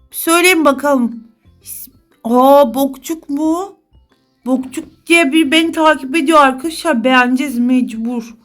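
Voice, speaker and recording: A woman's voice: sits high, moderate pace, soft background music. A woman hosting a game channel, chatting to her viewers and exclaiming and scolding at what she sees. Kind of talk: gameplay commentary.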